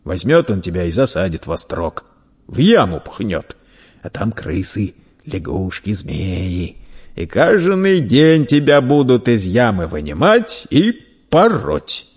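A man voicing a burly red-bearded merchant who scolds and mocks a young thief loudly. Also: on the low side, huge pitch swings, slow pace, slightly rough, heavily acted. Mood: mocking. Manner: loud, scolding, teasing.

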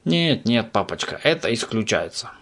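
A man's voice: lowish voice, very animated, normal speed, fairly bright tone, heavily acted. A man voicing a cheeky, mischievous little creature who teases and mimics others gleefully. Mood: teasing.

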